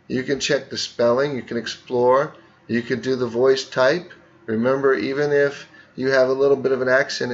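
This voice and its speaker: A male teacher walks students through a screen tutorial at an unhurried, deliberate pace, explaining each click one step at a time. His voice sits at a middling pitch. The recording sounds a little dull and lo-fi.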